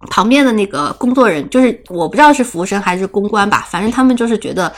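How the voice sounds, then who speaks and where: A young woman co-hosting a casual chat show, telling a story with lively energy and frequent laughter. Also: medium pitch, fast. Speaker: podcast co-host.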